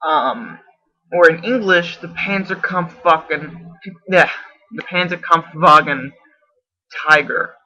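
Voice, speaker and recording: A man's voice: on the high side, takes it slowly, pauses often, bright, forceful tone. A man in a casual video response, explaining at length, often correcting himself and unsure of details. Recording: dull lo-fi camera audio.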